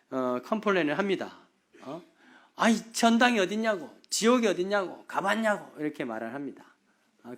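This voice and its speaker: A middle-aged male pastor preaching a sermon, asking the congregation rhetorical questions. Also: fairly high pitch.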